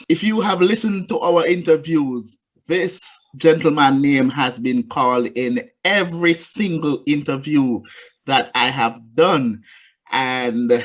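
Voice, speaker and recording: A man hosting an interview, speaking animatedly and addressing the listeners directly. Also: a little high. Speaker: interview host.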